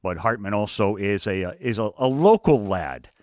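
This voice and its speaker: A man's voice: lowish voice, expressive, darkish tone, no echo, studio quality. A man hosting a sports radio show, rattling off hockey trade details. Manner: rapid rundown of hockey trades.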